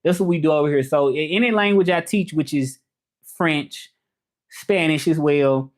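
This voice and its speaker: At a moderate pace and slightly high pitch, a Southern man from Memphis, Tennessee, in his thirties, chats loosely on a livestream. He hosts the stream and teaches French, greeting viewers, repeating himself, and encouraging them to subscribe.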